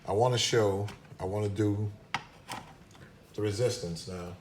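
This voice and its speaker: A man's voice: lowish voice, steady tone, unhurried, darkish tone, a little hiss or hum. A man giving a casual, hesitant hands-on demonstration at a workbench, with many restarts and fillers, recorded on a phone camera. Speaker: product reviewer demonstrating a meter.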